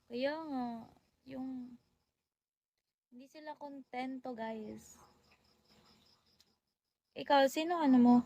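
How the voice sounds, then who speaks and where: Woman streamer on a phone, a bit high-pitched, greets viewers one after another in casual chat. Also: slow, pauses often, mellow, no echo, dull audio. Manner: chatty, rattles off viewer greetings. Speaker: livestream host.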